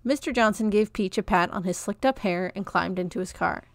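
A woman narrating a children's novel in a clear, expressive read-aloud. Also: medium pitch, a little fast, no room sound, studio quality.

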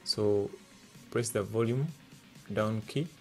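A man's voice: lowish voice, slow pace, vocal fry, mellow, faint music behind. A man hosting a tech tutorial, talking through steps plainly with many filler sounds, recorded at a desk indoors. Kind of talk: step-by-step tutorial narration. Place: desk indoors, hands-only camera.

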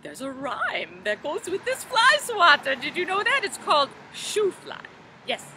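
A woman's voice: extremely high pitch, big pitch swings, unhurried, sharp tone, slight background noise, full character voice. A woman playing a fussy, scatterbrained old Mother Goose, leading children's rhymes with flustered, fluttery exclamations. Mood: playful. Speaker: library storytime performer. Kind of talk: children's rhyme time in character.

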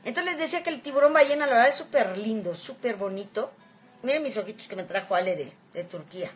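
A woman's voice: fairly high pitch, expressive, quick pace, faint music behind. A woman chatting casually on a phone live-stream, reading viewer comments aloud and greeting viewers by name. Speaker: Instagram live host.

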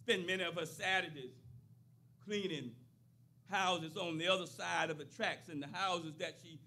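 A man's voice: high-pitched, moderate pace, bright, forceful tone. An older man preaching a sermon at a church pulpit into a stand microphone, building into a rising, repeated cadence. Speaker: pastor.

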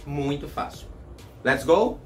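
Brazilian male teacher, slow deliberate drills, slightly raised pitch, echoey classroom. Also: a bit bright, faint music behind. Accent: Brazilian Portuguese. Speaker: English teacher. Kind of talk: classroom lesson. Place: classroom with a board.

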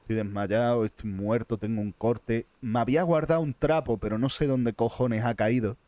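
Spanish guy streaming a game, mumbling to himself and cursing a lot, middle pitched voice. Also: fairly even intonation, normal speed, dark tone, dry recording. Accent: Spain Spanish. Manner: muttering to himself, swears often. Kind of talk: live gameplay commentary.

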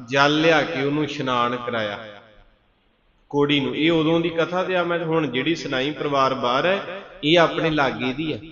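A man preaching a Sikh katha sermon, telling stories and chanting verses slowly, asking the congregation to answer. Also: a little high. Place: large gurdwara hall with live congregation. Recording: echoey dull hall recording with crowd.

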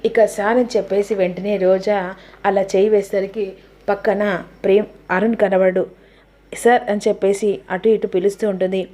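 A woman's voice: mid-range voice, a little fast. A woman narrating the plot of a television serial episode, voicing each character herself. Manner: steady storytelling, voicing every character. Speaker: channel narrator.

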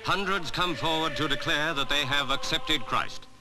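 A man's voice: fairly high pitch, normal speed, over music, rough recording. A man narrating a 1950s newsreel in a formal announcer's delivery, played from an old newsreel.

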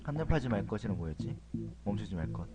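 A man streaming a horror game with comic commentary, grumbling and shouting at the game and chatting with viewers, over loud game music. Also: on the low side, fast talker. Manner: excitable, yells and grumbles at the game, chats with viewers.

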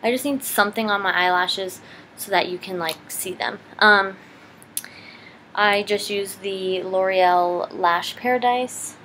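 On a noisy home camera recording, a young woman chats her way through a makeup tutorial in her living room. The beauty vlogger is casual, rambling and self-deprecating, with an unhurried mid-range voice that has a sharp tone.

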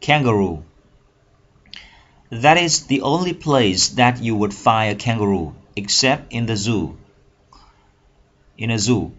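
A man teaching English vocabulary in Vietnamese, with a Vietnamese accent, reading English lines slowly and repeating words to drill pronunciation. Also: medium pitch, fairly bright tone, highs cut off. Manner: reads English slowly then explains in Vietnamese. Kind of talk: bilingual vocabulary lesson.

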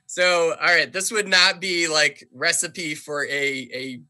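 Guy guesting on a podcast, super bright voice, excited rambling. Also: on the high side, unhurried, no echo. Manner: enthusiastic, chatty, many fillers. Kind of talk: casual conversation.

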